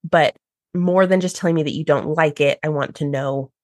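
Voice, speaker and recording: A woman with a low-pitched voice hosts a podcast, walking through how she works as a designer. She sounds enthusiastic and explains things clearly. The recording is dry and close. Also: moderate pace, no echo. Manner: enthusiastic, explanatory, acts out clients in high voices. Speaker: podcast host, brand strategist and designer. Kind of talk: podcast conversation.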